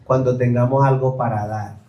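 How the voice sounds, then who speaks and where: A man's voice: medium pitch, fairly even intonation, moderate pace, highs cut off. A man preaching a sermon as a pastor, emphatic, questioning the congregation and acting out the excuses of others. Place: church hall. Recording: echoey church hall.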